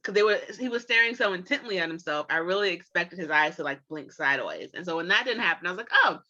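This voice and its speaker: A woman co-hosting a podcast, reviewing an episode in casual chat, animated and playful, acting out her own reactions. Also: on the low side, quick pace, muffled recording. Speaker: podcast co-host.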